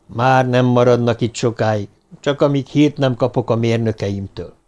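A man's voice: medium pitch, steady tone, darkish tone, natural voice. A man voicing a cool, commanding official in an audiobook reading. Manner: cool, curt. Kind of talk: audiobook narration.

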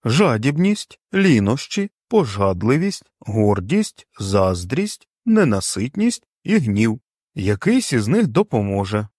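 A slow, reverent doctor, as a male narrator plays him, earnest and awestruck, with a lively rise and fall in his voice. The sound is dry and close. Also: medium pitch, no echo. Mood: explaining.

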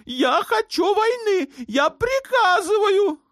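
A man's voice: big pitch swings, takes it slowly, a bit bright, no room sound, studio quality, heavily acted. A man voicing a hysterical, tyrannical young sultan in an audiobook, shrieking his orders in fits of rage. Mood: raging. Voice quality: shrill screaming. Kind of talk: audiobook character voice.

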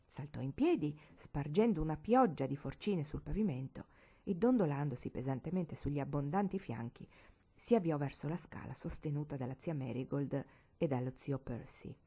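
A woman narrates a novel in an expressive audiobook reading. Her voice sits a little low, and she shifts freely into the characters' voices. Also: normal speed, breathy edge. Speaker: audiobook reader.

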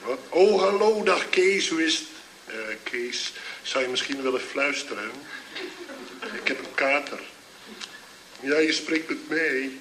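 A man's voice: a little high, expressive, unhurried, pauses often. An actor playing a hungover, groggy man who rambles and chuckles through a phone call to his drinking buddy in a comedy sketch. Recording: old echoey recording with loud hiss.

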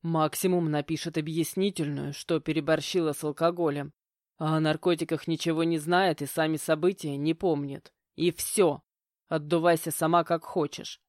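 A woman's voice: sits low, fairly even intonation, normal speed, darkish tone, no room sound, clean studio sound, close to an everyday voice. A woman reading an audiobook voices a stern, grumbling middle-aged stepfather who speaks curtly. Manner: grumbling, curt, commanding. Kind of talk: audiobook character voicing.

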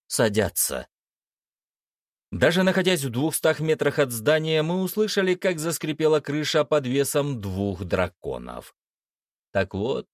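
A man's voice: mid-range voice, no room sound. A man narrating a first-person fantasy audiobook in a wry, slangy manner, recorded close to the mic.

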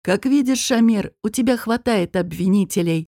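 A woman voicing a stern male emperor who speaks in a measured, accusing way. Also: mid-range voice, dark tone, no echo, clean studio sound, natural voice.

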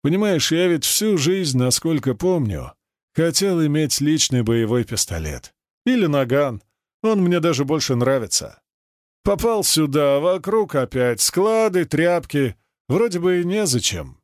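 A man's voice: a little high, sing-song, unhurried, a little mellow, dry recording, studio quality. A man voicing a kindly, wistful older warehouse chief in an audiobook, talking in a fond, reflective and somber way. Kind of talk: audiobook character voice.

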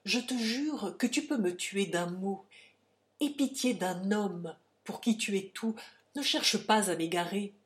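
A woman reader voicing a young man in love, speaking in a low, mournful, halting way. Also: lightly acted. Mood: pleading. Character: anguished young man, jealous lover.

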